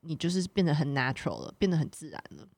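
A woman co-hosting a casual chat, animated, repeating words for emphasis and dropping in English words. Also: low voice, fast talker, gravelly, dry recording, clean studio sound. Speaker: podcast co-host.

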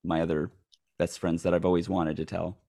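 A man's voice: low-pitched, level tone, brisk, vocal fry, warm tone. A man hosting a podcast, talking casually in a blunt, crude way with a slight lisp. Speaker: podcast host.

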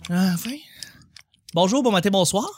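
A man's voice: high-pitched, normal speed, loud music behind the voice. A man with a Quebec French accent hosting a podcast, introducing guests in an upbeat, joking way. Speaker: podcast host. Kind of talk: casual chat.

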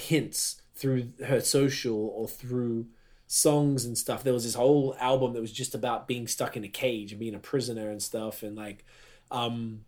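A man's voice: medium pitch, a little mellow. A man hosting a podcast in casual chat, rambling and slangy, often hunting for words. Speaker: podcast host.

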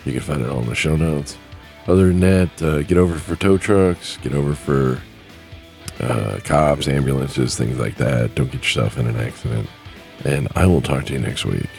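Very deep gravelly-voiced man. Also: normal speed, a little mellow, soft background music. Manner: rambling, plainspoken, swears casually. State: grieving, choking up. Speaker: podcast host. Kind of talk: casual solo podcast chat.

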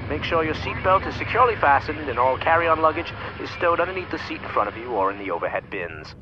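Man doing a pilot over the intercom: lively, a touch high, dull PA sound, engine roar behind. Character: male airline captain on the cabin intercom. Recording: muffled cabin PA over aircraft noise.

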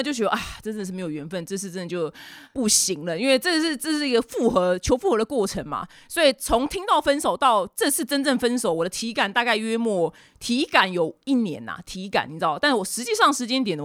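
Young woman, Taiwanese Mandarin accent, podcast host, rapid chatty storytelling, dry close sound. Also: medium pitch, no room sound. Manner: chatty, animated, many fillers. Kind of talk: casual storytelling chat.

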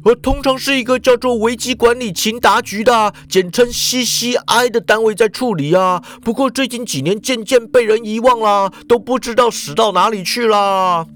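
A man's voice: extremely high pitch, moderate pace, hardly any pauses, fairly bright tone, voice pushed up. A man doing a whiny, cowardly fallen hero. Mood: flustered. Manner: whiny, panicky, wailing. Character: cowardly, depressed former superhero man.

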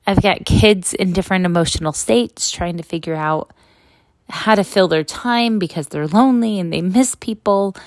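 A woman's voice: fairly low pitch, dry recording. A middle-aged woman hosting a casual podcast monologue in a candid, conversational way, often checking in with a "right?", recorded outside a proper studio. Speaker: podcast host. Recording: makeshift non-studio recording.

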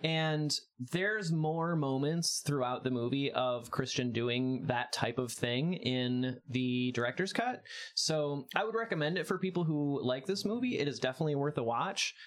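A man with a voice of ordinary pitch talks through a film in a relaxed podcast chat. He is opinionated and chatty, often restarting his sentences as he works out his points. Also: normal speed, few pauses. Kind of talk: casual film discussion.

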